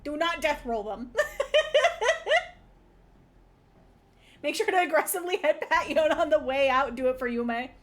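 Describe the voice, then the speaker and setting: A woman with a very high voice talks like a cute anime streamer. Her delivery is bubbly and gushing, in the loose, informal way of someone chatting with viewers on a livestream. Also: a little fast, hardly any pauses. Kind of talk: casual livestream chat.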